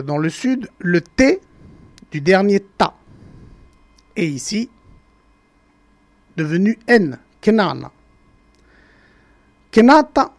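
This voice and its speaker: In a deliberate broadcast talk, a Marquesan language presenter describes how words have changed over time. The speaker uses a medium pitch, pauses frequently to find the right words, and repeats the example words.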